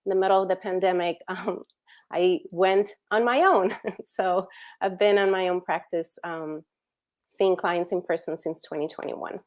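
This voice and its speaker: A woman's voice: fairly low pitch, steady tone, unhurried, a little mellow. Chatty woman therapist guest. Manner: friendly, chatty, with light laughs and fillers like "like". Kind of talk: interview conversation.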